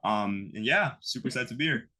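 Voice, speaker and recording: A man's voice: medium pitch, lively intonation, brisk, pushed and bright. A man in his twenties from the US East Coast, an interview guest talking casually and rambling with lots of fillers. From East Coast of the United States. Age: 20s. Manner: rambling, heavy on fillers like "you know" and "like".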